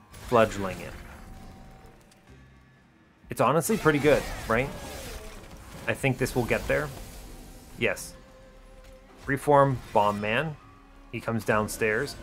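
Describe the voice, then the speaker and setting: Hosting a strategy game video, this man thinks aloud in a deliberate, explanatory way, often second-guessing his own choices. His pitch is medium.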